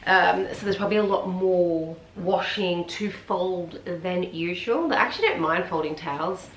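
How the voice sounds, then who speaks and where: An Australian woman chats to her viewers while she folds laundry at home, wandering from topic to topic with plenty of ums. Her voice sits a little low and has a tired, slightly hoarse edge. The home room echoes noticeably, with a faint ambient hum underneath. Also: moderate pace. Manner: chatty, rambling, frequent ums. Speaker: vlogger. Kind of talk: casual chat while folding laundry.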